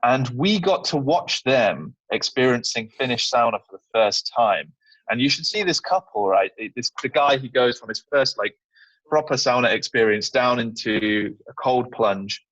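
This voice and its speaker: British guest on a slightly muffled video call, earnest and rambling. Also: male voice, mid-range voice, normal speed, a bit bright, no room sound. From United Kingdom. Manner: earnest, filler-heavy explanation. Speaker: guest, sauna business owner. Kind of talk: casual interview over a video call.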